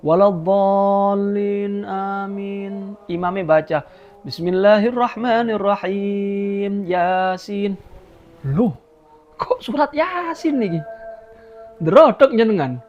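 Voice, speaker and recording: A man with a Javanese accent preaching a religious sermon, lively and expressive, dropping into local phrases and acting out quoted voices. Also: a little high. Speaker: Islamic preacher. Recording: dull lo-fi live stream audio.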